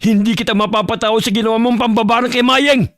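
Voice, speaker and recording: A furious young husband rails at his sister over his cursed wife, his voice high and strained. The recording is dry and close, like a horror radio play. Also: steady tone, fast talker, a bit bright, dry recording, soft background music. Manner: furious and accusing.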